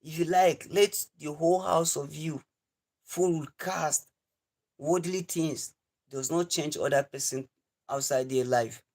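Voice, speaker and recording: A slightly high, slightly mellow male voice at a measured pace belongs to a Nigerian-accented livestream host in his twenties. He delivers a preachy monologue, lecturing viewers earnestly and repetitively.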